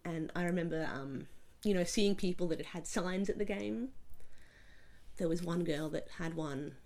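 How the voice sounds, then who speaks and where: Australian woman with a gravelly, fading voice. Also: on the low side, normal speed, darkish tone. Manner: chatty, with many ums and restarts. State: losing her voice. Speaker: interviewee. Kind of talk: oral history interview.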